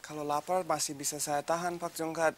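A man's voice: a little high, flat delivery, fairly quick, a little hiss or hum, close to an everyday voice. A man playing a foreign visitor who speaks politely and formally, often repeating the listener's name. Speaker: American visitor in the village. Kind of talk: soap opera acting. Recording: soft music behind.

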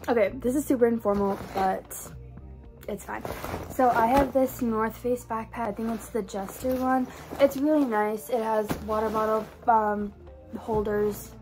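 A woman's voice: medium pitch, a little mellow. A young woman, a college student, chatting casually to her phone camera in a small dorm room, breezy and full of fillers. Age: young adult. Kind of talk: casual vlog talk to camera. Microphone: phone camera at arm's length.

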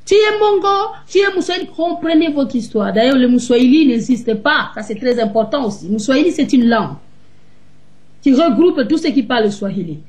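A woman's voice: high-pitched, animated, normal speed, darkish tone. Emphatic woman preaching on a video call. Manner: emphatic, rhetorical questions. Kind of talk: sermon-like teaching on a video call. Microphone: video call webcam.

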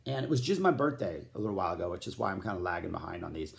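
A man's voice: sits low, animated, racing, gravelly. A man giving a casual spoken album review, rambling and enthusiastic, with lots of "like" fillers, scatting riffs aloud and mentioning he feels hot. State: feeling hot. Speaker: music vlogger reviewing albums.

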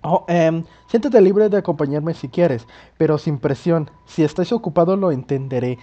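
A man's voice: a little high, moderate pace, mellow, lo-fi sound, lightly acted. A man reading as a shy, timid male ghost from a video game. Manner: hesitant, apologetic, reading game text.

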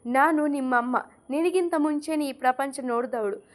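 A woman reading an audiobook story, voicing a kind older mother with a high, coaxing motherly manner. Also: moderate pace, close to an everyday voice. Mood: earnest. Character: kind elderly mother arranging marriage, gentle.

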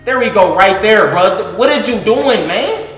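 A man's voice: sits high, expressive, a little slow, a bit bright, reverberant. A young man chatting casually on a livestream in slang, incredulous and repeating his phrases. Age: young adult. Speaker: game streamer. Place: indoor streaming room at a gaming chair.

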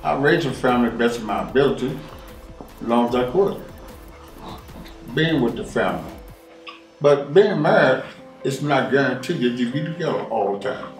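Seated on a living-room couch, a 69-year-old man from Washington, D.C., answers documentary interview questions in a mid-range, animated voice at a moderate pace with long pauses. He speaks plainly and keeps returning to the same point. He's far from the mic, so his voice rings roomily, with faint music underneath.

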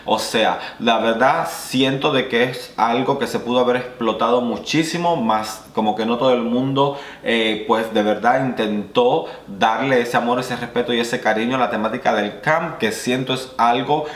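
Young guy in drag ranting emphatically to camera, mid pitch, room echo all over it. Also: moderate pace, few pauses. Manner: opinionated, emphatic. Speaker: drag queen vlogger. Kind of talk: casual commentary vlog. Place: small indoor room. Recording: roomy echoey room.

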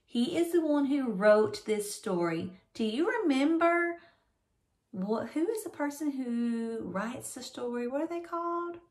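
A middle-aged woman kindergarten teacher giving a children's reading lesson in an animated, simply questioning way, as if reading to a toddler. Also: sits high, unhurried. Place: small room at home, indoors.

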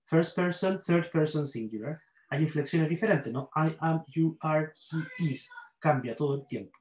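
A man's voice: on the high side, a little slow, a little mellow, roomy sound, rough recording. A man with a Chilean accent teaching a university grammar class online. He explains by repeating examples and checks in with his students. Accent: Chilean Spanish.

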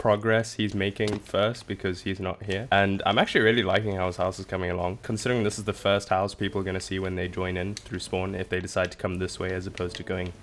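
A man's voice: sits low, flat delivery, quick pace, hardly any pauses, slight background noise. A man hosting a casual gameplay commentary in a groggy morning voice, rambling with lots of fillers and restarts. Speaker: gaming channel host.

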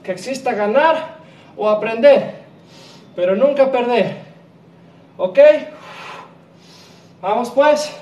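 Barking Mexican gym coach, high-pitched man. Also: slow, pauses often. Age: young adult. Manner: barking gym coach, shouting counts and encouragement. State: exerting himself. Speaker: fitness coach. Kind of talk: live workout instruction. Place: walled home patio, outdoors. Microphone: camera several meters away. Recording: roomy, distant microphone, music behind.

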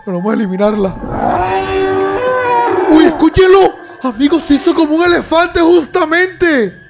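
A young man commenting on a horror video game in an excitable way, yelping, laughing and talking straight to his viewers. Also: very high voice, moderate pace, gravelly, heavy background noise. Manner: excitable, yelps and laughs, talks to viewers as "amigos". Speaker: gaming YouTuber.

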